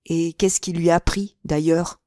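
A woman voicing a young man who speaks in a low, reserved and even way. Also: a little slow, no echo, clean studio sound, natural voice. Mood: puzzled. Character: young sailor turned writer, puzzled, generous.

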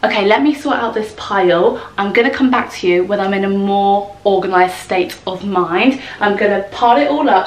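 A young female fashion vlogger gushes about her outfits while sorting clothes at home, chatting casually to the camera about styling. Her voice is mid-range, with a little hiss or hum, and the recording is distant from the mic with a roomy echo.

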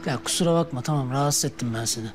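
An actor playing an easygoing, gently teasing man in a TV drama, light and reasonable in how he talks. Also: medium pitch, very fast, faint music behind, lightly acted. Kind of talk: TV drama acting.

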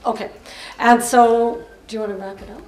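A woman's voice: fairly high pitch, flat delivery, normal speed, a little mellow. An older woman moderating a panel on stage, speaking informally into a handheld mic and restarting her sentences as she wraps up. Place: stage of a large auditorium. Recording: echoey hall, heard from a distance.

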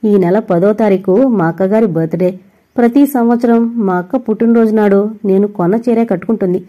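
A woman's voice: medium pitch, moderate pace, mellow, highs cut off, close to an everyday voice. A woman voicing a commanding, smug wealthy male boss in a storybook reading, speaking in a teasing, bossy way.

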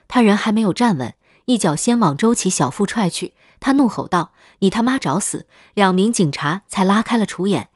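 A woman's voice: medium pitch, a little mellow, dry recording. Woman narrating a story, dry and close. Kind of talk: first-person story narration.

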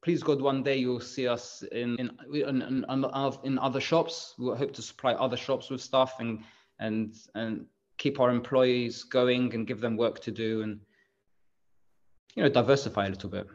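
A man's voice: medium pitch, steady tone, normal speed. A man in his thirties, guest on an interview over a video call, talking in a rambling, chatty way with frequent restarts and laughs. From England. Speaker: bakery managing director, guest. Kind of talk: casual interview chat. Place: room at home. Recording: slightly dull video call audio.

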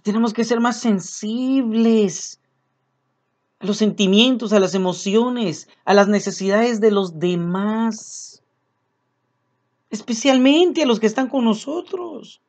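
Earnest preacher. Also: male voice, high-pitched, slow, a little mellow. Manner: earnest, repeats key phrases, addresses congregation as brothers. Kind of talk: sermon.

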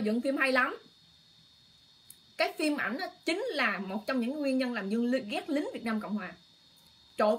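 A woman's voice: sits high, fairly bright tone. A woman hosting an emotional political livestream, exclaiming often and speaking straight to her viewers in a heated, impassioned way. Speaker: online livestream host.

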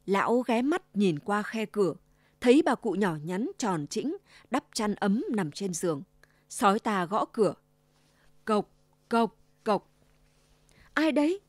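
A woman narrating a fairy tale as a scripted storybook reading, expressive and acting out each character. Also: mid-range voice, unhurried, dry recording. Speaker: storyteller for a provincial broadcaster.

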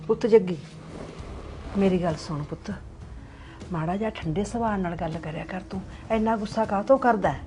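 A middle-aged woman playing a mother gently coaxing her son to calm down. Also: medium pitch, normal speed, long pauses, a little hiss or hum, natural voice.

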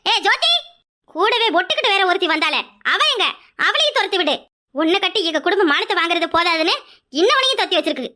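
A woman's voice: very high voice, lively intonation, fast, bright, forceful tone, heavily acted. A woman voicing a scheming, meddling older sister-in-law with a sneering, suspicious way of talking and a Kanyakumari Tamil accent.

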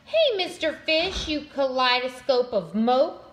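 Lady doing a sassy squirmy squid, high and swoopy, echoey. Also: animated, takes it slowly, a bit bright, slight background noise, heavily acted. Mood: teasing. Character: squirmy slightly rude female squid. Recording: echoey room.

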